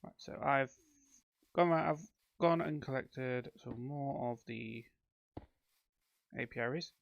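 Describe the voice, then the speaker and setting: A man's voice: mid-range voice, takes it slowly, gravelly, dry recording, lo-fi sound. A man giving casual, rambling commentary on his own gameplay, with frequent ums and self-corrections. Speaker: let's play host.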